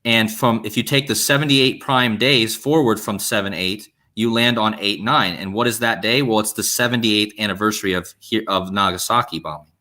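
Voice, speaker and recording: A man's voice: on the low side, normal speed, hardly any pauses, pushed and bright. A man in his thirties from Ohio, hosting a casual chat and speaking hesitantly. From Ohio, United States. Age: 30s. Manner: hesitant, full of fillers and restarts. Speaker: host.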